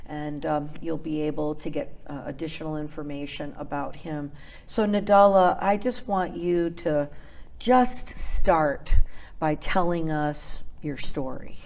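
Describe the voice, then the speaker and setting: Slow, low-voiced woman host preaching. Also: a little mellow. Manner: earnest, preachy, gesturing as she talks. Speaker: TV ministry host. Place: TV studio set.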